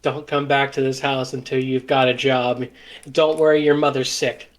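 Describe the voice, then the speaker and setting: A man's voice: mid-range voice, little pitch movement, moderate pace, close to an everyday voice. A man playing a grumpy, sarcastic old male satyr father in a tabletop game.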